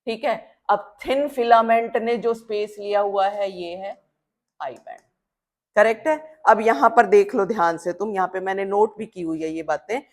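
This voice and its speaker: In a mid-range voice, a woman draws as she gives a biology lesson. She quizzes the class over and over, supplies the answers herself, and repeats key terms slowly to drill them in.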